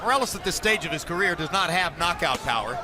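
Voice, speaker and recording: A man calling a boxing match live as play-by-play commentator, with punchy, clipped calls and measured analysis. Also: on the high side, animated. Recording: loud arena crowd and noise behind.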